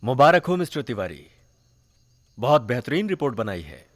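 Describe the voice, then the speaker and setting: An actor playing a domineering home minister who bullies subordinates and erupts into shouting. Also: male voice, mid-range voice, big pitch swings, moderate pace. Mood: menacing. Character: furious corrupt home minister, male, commanding.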